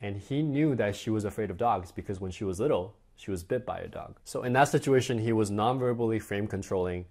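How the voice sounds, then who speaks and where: A man's voice: lowish voice, fairly quick, few pauses, a little mellow. A man teaching a dating course lesson in a conversational way, acting out example dialogues. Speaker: dating coach.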